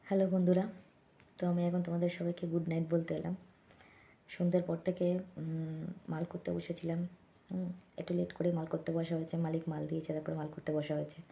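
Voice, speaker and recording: A middle-aged woman speaking very quietly late at night, thanking viewers for their comments. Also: on the low side, monotone, fairly quick, vocal fry, pauses often, dull audio. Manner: speaks very softly so as not to wake someone. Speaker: vlogger. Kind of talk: late-night hushed vlog chat reading comments.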